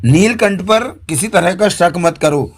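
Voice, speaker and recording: A man's voice: sits high, animated, measured pace, husky, heavily acted. A man voicing a firm, determined woman leader in an audiobook. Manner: firm, resolute.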